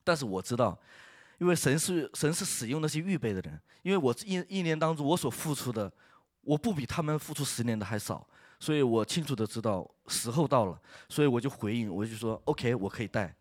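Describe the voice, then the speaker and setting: Man, worship leader, church testimony, earnest, halting restarts, mid pitch, dry close sound. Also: animated, dry recording.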